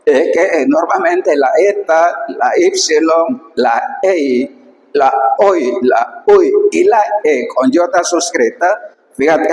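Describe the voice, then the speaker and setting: A man with a fairly high voice teaches slowly and patiently, repeating each sound and stressing what matters. His voice rings in an echoey room with a long reverb tail. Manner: slow, repeats words and stresses key points. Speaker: Biblical Greek teacher. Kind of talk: recorded lesson explaining slides.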